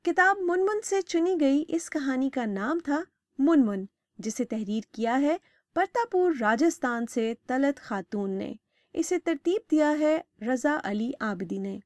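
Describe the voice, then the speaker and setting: A woman with a high voice reads a children's story expressively and animatedly, like a storyteller. The recording is close and dry, with hardly any room sound.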